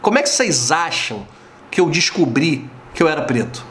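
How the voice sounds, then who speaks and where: Sitting indoors in his home living room, a man in his forties from Rio de Janeiro vlogs casually to a close-range camera, his Rio accent coloring slangy, animated stories in which he acts out other people's voices. He speaks at normal speed in a slightly high voice. There's a roomy echo and a little background noise.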